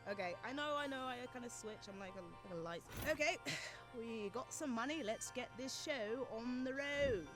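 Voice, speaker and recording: An actress voicing a chatty young woman companion in a game, bubbly and quick to swing between moods. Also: fairly high pitch, close to an everyday voice. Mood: excited. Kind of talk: game character dialogue. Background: music.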